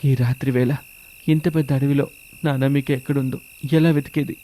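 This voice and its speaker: A man's voice: mid-range voice, steady tone, a little fast, dark tone, a little hiss or hum, natural voice. A man voicing an anxious young husband who urgently talks to himself while searching for his wife. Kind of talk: storybook drama acting.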